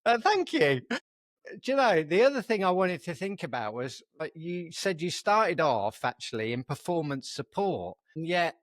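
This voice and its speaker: A man's voice: on the high side, very animated, measured pace, fairly bright tone, dry recording, clean studio sound. A man in his fifties hosting a podcast interview, encouraging and reflective, with lots of "like" and "you know". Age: 50s. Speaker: podcast host. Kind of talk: casual interview conversation.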